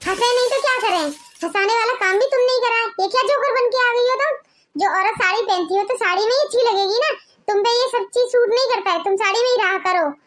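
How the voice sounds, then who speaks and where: A performer with a very high voice playing a husband caught between two wives in a family skit, coaxing and lecturing. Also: fast, noisy background. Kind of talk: amateur family skit acting.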